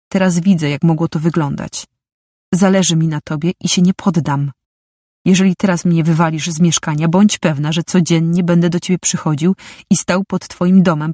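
A woman voicing a tender, persistent young man who speaks calmly and surely, with a husky voice. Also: fairly low pitch, no room sound, studio quality, close to an everyday voice. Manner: calm and sure.

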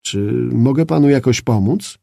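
A man's voice: mid-range voice, moderate pace, vocal fry, warm tone, dry recording, studio quality. A man voicing a bewildered doctor in an audiobook, asking polite, urgent questions. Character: bewildered male doctor, helpful and confused. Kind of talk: audiobook character reading.

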